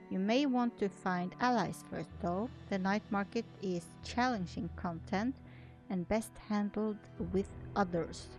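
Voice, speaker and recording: Reading an article aloud for her gaming videos, this host offers casual commentary in a darkish, medium-pitched voice. She isn't a native English speaker and often stumbles over words before starting over.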